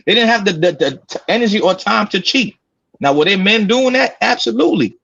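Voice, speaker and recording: A man's voice: high-pitched, animated, fairly quick, vocal fry, fairly bright tone, slightly rough, dry recording, highs cut off. A man in his thirties arguing his point on a podcast, insistent and repeating himself to cut others off. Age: 30s. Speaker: podcast panelist. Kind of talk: heated debate.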